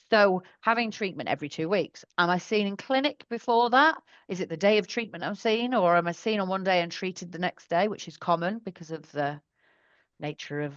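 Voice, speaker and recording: A woman's voice: lowish voice, no echo, muffled recording. A woman working as a specialist nurse, answering questions in an online session in a chatty, thorough way, often correcting herself.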